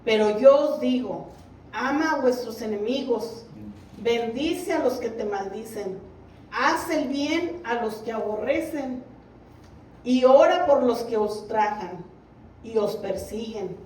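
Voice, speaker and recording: A woman's voice: a little high, animated, slow, darkish tone, slight background noise. A woman preaching a sermon, earnestly exhorting her congregation. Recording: roomy, distant mic.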